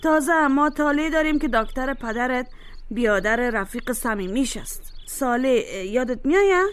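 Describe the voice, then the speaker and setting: A weary middle-aged mother voiced by a woman speaks with an Afghan Dari accent in a fairly high voice. She talks in a soothing tone that turns to complaint in this audio drama. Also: expressive, clean tone.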